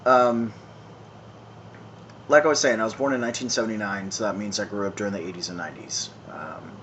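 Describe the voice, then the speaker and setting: A man in his thirties talking casually to a phone camera outdoors, smoking, with many pauses and restarts. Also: lowish voice, a bit bright, muffled recording. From San Francisco, California. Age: 30s. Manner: halting, many ums and restarts, conversational. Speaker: vlogger. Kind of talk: casual rambling monologue. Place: outdoors in town, evening. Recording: phone video with clear background noise.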